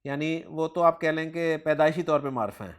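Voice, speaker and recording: A man's voice: fairly high pitch, smooth. A man with a Pakistani Urdu accent teaching Quranic grammar, quizzing his student and praising each answer. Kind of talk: question-and-answer grammar lesson.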